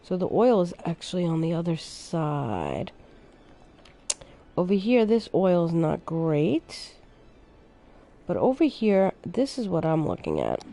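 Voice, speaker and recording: Slow, mellow woman narrating gameplay. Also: on the low side. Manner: relaxed, thinking aloud, unhurried. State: sleepy, yawning. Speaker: streamer playing a city-building game. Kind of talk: casual gameplay commentary.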